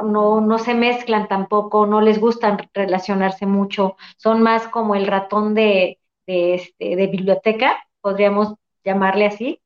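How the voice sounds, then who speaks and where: A woman, hosting an interview, reflecting on what her guest said and offering frequent short affirmations. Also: mid-range voice. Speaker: host. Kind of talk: conversational interview. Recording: roomy, slightly dull audio.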